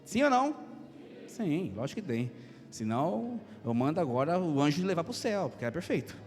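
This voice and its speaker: High-voiced Brazilian pastor preaching. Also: male voice, quick pace. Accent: Brazilian Portuguese. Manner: lively preaching with jokes and acted asides. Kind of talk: sermon. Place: church hall. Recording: long hall reverb, faint music.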